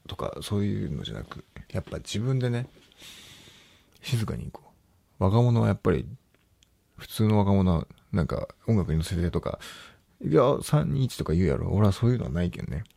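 A young man, quietly mumbling to himself at home late at night, nervous and hesitant. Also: fairly low pitch, very animated, moderate pace, creaky, no room sound. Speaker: vlogger.

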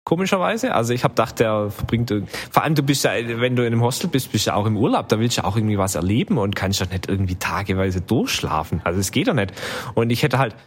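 A man's voice: on the low side, expressive, quick pace, a little hiss or hum. A man telling a long travel story in casual chat, rambling with many fillers. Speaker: podcast co-host telling travel stories.

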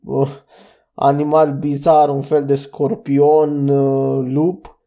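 A man's voice: medium pitch, little pitch movement, mellow. A young man hosting a solo podcast, reviewing cartoon episodes in a loose, rambling way with restarts and fillers. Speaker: podcast host.

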